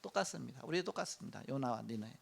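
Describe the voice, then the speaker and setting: A middle-aged male pastor giving a sermon, telling a story with lively acted-out quotes. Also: medium pitch, very fast, gravelly, breathy edge. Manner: animated storytelling, acts out quoted lines.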